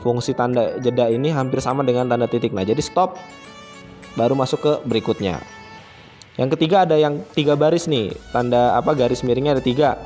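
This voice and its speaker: A man's voice: medium pitch, brisk, warm tone, faint music behind. A man who is a primary school teacher, giving a friendly, chatty online lesson to children and often starting phrases with a filler.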